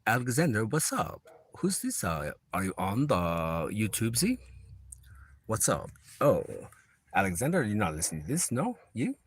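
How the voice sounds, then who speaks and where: A man's voice: on the low side, wildly swooping pitch, moderate pace, breathy edge. A man on a livestream, talking in a rambling, repetitive spiritual monologue that drifts into whispers now and then.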